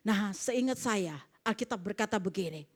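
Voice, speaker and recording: A woman pastor preaching a sermon at a church service, animated and emphatic, calling the congregation to say amen and acting out conversations. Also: mid-range voice, normal speed. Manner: animated preaching, calls for amens, acts out dialogue.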